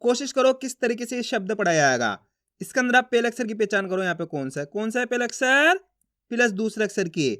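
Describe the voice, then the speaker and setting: A man teaching reading in an online lesson, sounding out each letter slowly and then joining them into words, and addressing viewers as friends. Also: high voice, big pitch swings, pushed and bright.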